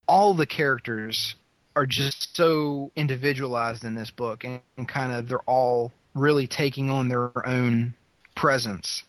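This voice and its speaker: A man's voice: medium pitch, fairly bright tone, dry recording, rough recording. A man in casual book-club chat, hesitant and full of fillers as he praises a scene.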